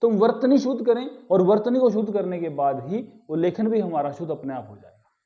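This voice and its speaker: A man with a high-sitting voice talks fairly quickly over lo-fi audio. In an explanatory grammar lesson, he patiently repeats key words and poses rhetorical questions to the class.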